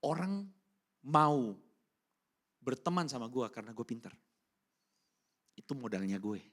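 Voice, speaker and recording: A man preaching a casual youth sermon in speech, slangy and animated, keeping up a run of rhetorical questions to the congregation. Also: medium pitch, measured pace. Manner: animated, keeps asking the crowd rhetorical questions; slangy and informal, breaks into English phrases. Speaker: youth pastor. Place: church hall during a service.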